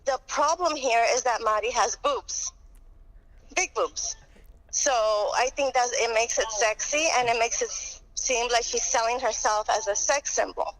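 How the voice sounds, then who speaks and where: A woman's voice: a little high, measured pace, fairly bright tone, rough recording. A woman calling in on speakerphone, an outspoken publicist chatting casually and asking blunt questions. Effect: heard over a phone on speakerphone. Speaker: boxing publicist and marketing manager calling in. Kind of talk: casual call-in chat. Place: at an airport before a flight.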